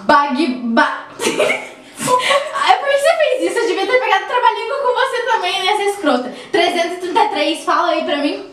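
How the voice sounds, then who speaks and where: A woman's voice: very high-pitched, sing-song, moderate pace, fairly bright tone. A young Brazilian woman talking casually and playfully, as a vlogger in a word game with a friend. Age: young adult. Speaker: vlogger playing a lip-reading game. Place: small indoor room with bare wall, camera a few feet away. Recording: echoey room, distant mic, background music.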